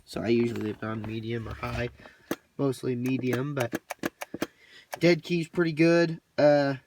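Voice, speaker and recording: With a steady, mid-range voice and an unhurried pace, this man demonstrates his radio equipment as a hobbyist presenter. His walkthrough is informal and practical, delivered in folksy, colloquial speech. Picked up on a distant mic, the audio has some light background noise and clicking.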